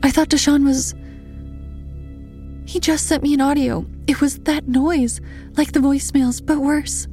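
A woman's voice: moderate pace, vocal fry, hardly any pauses, darkish tone, soft background music. A woman voicing a frightened young woman who talks in a breathless, frantic rush. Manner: breathless, high-pitched and frantic. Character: panicked young woman, frightened friend on a video call.

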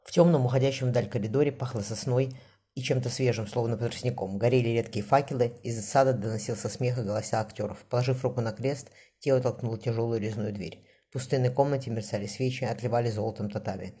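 A man reading an audiobook aloud, narrating in a fast, even manner. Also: medium pitch, breathy edge. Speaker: audiobook reader. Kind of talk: scripted narration.

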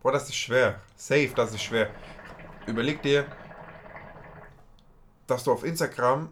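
A man's voice: medium pitch, unhurried, fairly bright tone, a little hiss or hum. A young man hosting a casual chat, talking emphatically in street slang, his voice climbing when he gets worked up.

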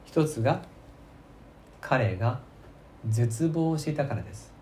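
A male pastor preaching a sermon, telling the story with emphasis, swinging between loud and soft and asking the listeners questions. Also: mid-range voice, expressive, a little slow, roomy sound, a little hiss or hum. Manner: asks the congregation rhetorical questions.

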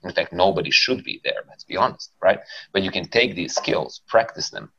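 A man, a guest psychologist chatting casually on a podcast, relaxed and swearing freely, often ending points with "right?". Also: low voice, moderate pace, slight background noise. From Serbia. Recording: dull lo-fi podcast audio.

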